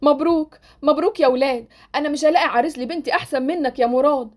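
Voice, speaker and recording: A woman's voice: high voice, racing, lightly acted. A woman voicing an affectionate, teasing middle-aged mother in an Egyptian Arabic Roblox drama. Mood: soothing. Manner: affectionate, joking.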